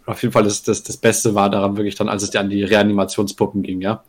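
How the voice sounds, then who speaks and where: Young male podcast co-host, rapid storyteller, slangy, giggles mid-line. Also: lowish voice, level tone. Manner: rambling, crude slang, laughs mid-sentence, many "ne?" tags. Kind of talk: casual storytelling chat.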